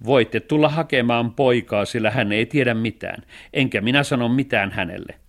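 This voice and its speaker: A man's voice: medium pitch, close to an everyday voice. A man doing a fussy village postman. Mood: chatty. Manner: officious, pedantic. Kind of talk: radio storybook reading.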